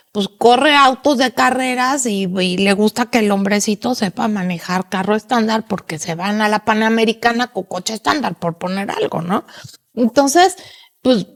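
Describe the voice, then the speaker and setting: Casual woman podcast host. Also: medium pitch. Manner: casual, uses hedging fillers. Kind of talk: conversational podcast.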